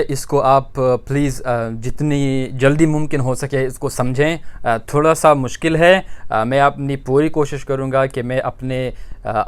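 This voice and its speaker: A man, an Urdu speaker, teaching grammar in a patient lesson, repeating points and pausing with many "uh"s. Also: medium pitch, smooth. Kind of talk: explanatory lesson.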